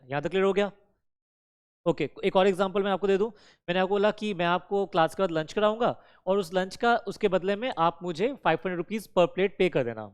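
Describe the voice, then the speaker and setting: A man's voice: high-pitched, smooth. A male law teacher giving a classroom lecture, quizzing his students with questions, answering them himself, and switching between Hindi and English terms. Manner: addresses students fondly as kids.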